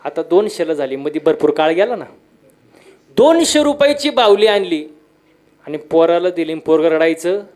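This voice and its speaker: A man's voice: a little high, lively intonation, moderate pace, darkish tone. A man giving a humorous devotional kirtan sermon, telling stories with repeated refrains and quizzing the crowd for answers. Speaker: kirtan preacher.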